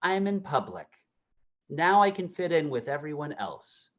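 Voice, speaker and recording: A man's voice: a little high, sing-song, measured pace. A man co-hosting a comedy show, speaking in a hesitant, mock-earnest way and repeating words.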